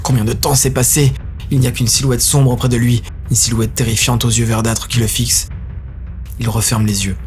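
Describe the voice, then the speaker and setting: A man narrating a dark science-fiction audio story in a grave, intense manner. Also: medium pitch, level tone, moderate pace, soft background music.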